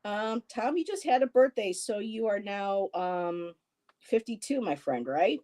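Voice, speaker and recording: Warm and expressive, with a medium-pitched voice and measured pace, a fifty-something woman hosts a live stream. She rambles through casual chat with a friend, reads out comments from viewers, and laughs a lot.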